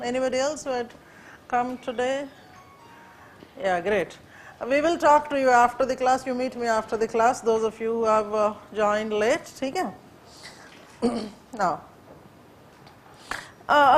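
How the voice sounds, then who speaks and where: Speaking with a somewhat high voice over slight background noise, a female teacher from India gives a lecture in Indian English. Urdu is her native language, and she stumbles along hesitantly, restarting and using lots of fillers.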